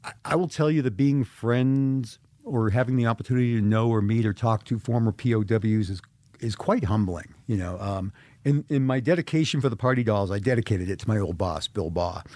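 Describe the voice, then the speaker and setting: A man's voice: on the low side, fairly quick, mellow, dry recording. A middle-aged man speaking as an author in an interview, earnest and reflective, often restarting his sentences. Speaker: author and guest. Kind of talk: interview conversation.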